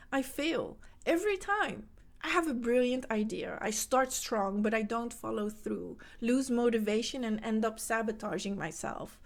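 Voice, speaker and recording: This woman's voice leans high and a little mellow. She's a Dutch native speaker from the Netherlands talking in accented English, coaching mothers through an earnest, motivational podcast monologue aimed right at the listener.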